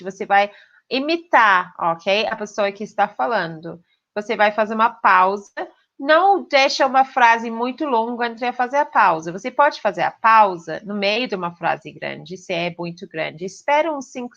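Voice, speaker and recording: A woman's voice: on the high side, a bit bright, dull audio. A woman with an English accent, a native English speaker, giving an online pronunciation lesson and checking in often with her students. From Britain. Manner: clear teaching tone with frequent "ok?" check-ins. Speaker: English teacher.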